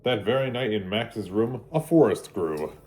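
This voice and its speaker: A man narrating a storybook for children in a deliberate, halting way with dramatic pauses. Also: fairly low pitch, expressive, a little mellow, slight background noise. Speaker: read-aloud storyteller for children.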